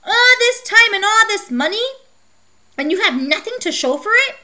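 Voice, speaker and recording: A stern imperial official from a storybook, read by a woman narrator, who snaps out cold threats. Her voice sits somewhat high even in the part. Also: fairly quick. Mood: angry. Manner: snapping, threatening. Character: stern imperial official, adult man, harsh.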